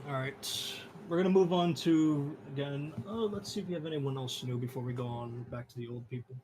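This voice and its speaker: A man moderating a casual online mock debate, calling people up to speak. He sounds relaxed and often lets his sentences trail off. A faint hum sits behind his voice. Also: medium pitch, a little fast.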